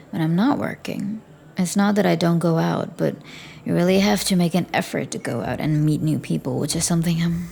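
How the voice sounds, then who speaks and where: Soft and often near a whisper, a woman with a lowish, gravelly voice voices a flirty, teasing bartender in a scripted audio roleplay.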